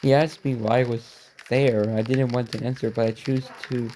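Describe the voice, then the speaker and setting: Male reaction host; reads a story aloud haltingly, self-corrects, drops quick asides; mellow tone. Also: medium pitch, level tone, a little hiss or hum.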